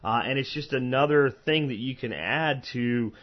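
A dull, slightly muffled lo-fi recording of an American man with a mid-pitched voice. He hosts a solo podcast in an informal, conversational way. He rambles easily, wandering into personal asides as he explains things. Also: moderate pace. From eastern United States, Florida and Pennsylvania. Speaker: podcast host. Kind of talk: informal solo podcast talk on medicinal plants.

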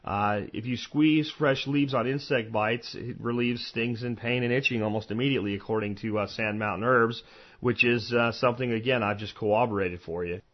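A man's voice: medium pitch, fairly even intonation, moderate pace. An American man hosting a podcast solo, talking informally and conversationally, rambling through asides and personal recollections. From eastern United States, Florida and Pennsylvania. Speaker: podcast host. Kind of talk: informal solo podcast talk on medicinal plants. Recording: dull, lo-fi podcast audio.

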